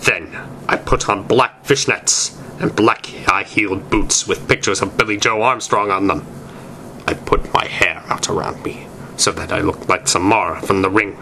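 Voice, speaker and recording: In a noisy homemade recording, a man dramatically reads fan fiction with an amateur's theatrical flair, occasionally tripping over words. His voice is fairly low and sharp, holding a steady tone at normal speed.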